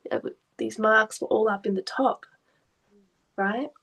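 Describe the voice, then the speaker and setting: A woman art therapist gently asking questions and explaining what a client's drawings mean. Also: fairly high pitch, fairly even intonation, a little slow, gravelly, slightly rough, rough recording. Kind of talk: therapy session conversation.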